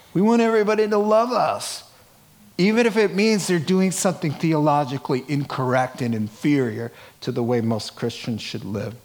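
A man's voice: fairly high pitch, darkish tone. A man with a Brooklyn accent preaching in a conversational, emphatic way, acting out bits of imagined dialogue as he teaches. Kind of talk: conversational Bible-teaching sermon.

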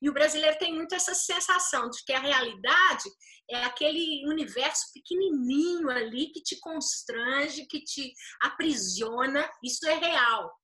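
A woman leading a faith-based group discussion, talking in an animated way with lots of rhetorical questions. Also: sits high. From Belo Horizonte, Brazil.

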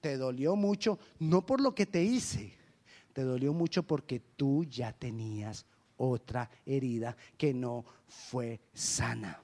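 A male pastor preaching a lively sermon, acting out little dialogues with humor. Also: medium pitch.

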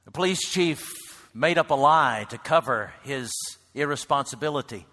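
A man preaching a sermon to a congregation, swinging between loud calls and near-whispered lines. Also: mid-range voice, expressive, moderate pace. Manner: builds to loud shouts, then drops to a hush. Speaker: pastor. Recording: reverberant hall.

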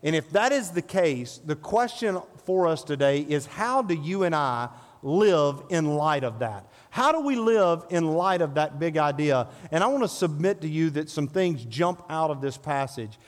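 A man's voice: on the high side, animated, moderate pace, few pauses. A man, a pastor, reading scripture aloud and then preaching a sermon to his congregation. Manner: builds to raised, emphatic preaching. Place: church sanctuary. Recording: long hall reverb.

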